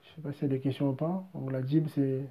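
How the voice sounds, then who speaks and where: A man's voice: mid-range voice, steady tone, quick pace, dull audio, slight background noise. A French-accented man preaching a live-streamed sermon, exhorting and repetitive, rising to emphatic peaks. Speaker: pastor.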